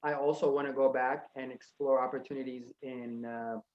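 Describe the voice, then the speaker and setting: A man's voice: medium pitch, level tone, normal speed. A man, a filmmaker who interprets and talks on a panel, hesitant with many fillers and restarts. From Sudan, raised in Los Angeles. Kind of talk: casual panel talk. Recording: dull lo-fi audio.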